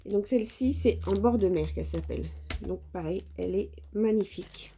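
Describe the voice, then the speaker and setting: A woman's voice: medium pitch, brisk, dark tone, soft background music. A woman from France chatting casually through a craft haul, hesitant and stumbling over her words with many fillers. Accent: French. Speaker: craft vlogger. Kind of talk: casual show-and-tell haul.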